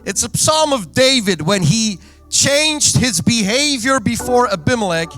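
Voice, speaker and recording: A man's voice: very high-pitched, lively intonation, unhurried, faint music behind. Belgian-accented man preaching a sermon. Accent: Belgian Dutch. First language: Dutch. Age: 30s. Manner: earnest preaching, warm asides to the congregation. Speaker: guest pastor. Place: church sanctuary.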